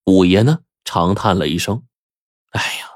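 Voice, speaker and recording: A man telling a story as narrator, in lively narration. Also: sits low, moderate pace, no room sound, studio quality.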